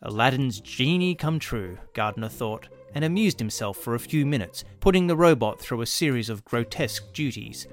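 A man narrating a dramatic science fiction story in a lively, expressive way. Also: mid-range voice, normal speed, few pauses, soft background music.

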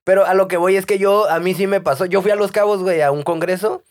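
Guy on a podcast, kinda high voice, cracks up all the time, lots of slang. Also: fast. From Baja California, Mexico. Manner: laughs often, slangy, animated storytelling. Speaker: podcast co-host. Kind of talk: casual comedic podcast chat.

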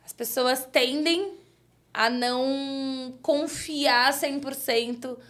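A woman interviewer asking questions in a casual, conversational way, often ending her phrases with a quick tag question. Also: sits high, fairly even intonation, a bit bright. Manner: conversational, frequent "né?" tags.

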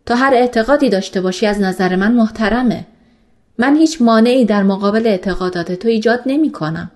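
A woman reading the lines of a calm, gentle male doctor in love, in a soft and reassuring manner, for an audiobook. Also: a little high, natural voice.

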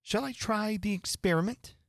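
A reader voicing a fussy old duchess who moralizes about everything, in a high sing-song way. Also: moderate pace, no echo, studio quality, lightly acted. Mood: preachy. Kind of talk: audiobook character voice.

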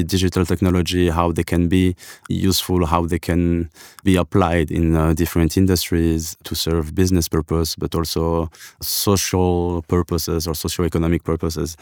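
A man from Algeria, a guest on a podcast interview, who answers thoughtfully with many pauses and restarts. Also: low-pitched, a little mellow, clear, resonant tone, no echo, clean studio sound. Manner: thoughtful, hesitant with frequent restarts.

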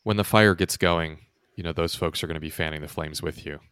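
A man with a deep voice speaks in casual conversation, recorded dry. He makes his points with emphasis and keeps checking in with his listener. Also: a little fast, fairly bright tone, clean tone, no room sound. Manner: emphatic, checking in with "right?" and "you know". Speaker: podcast co-host with software background.

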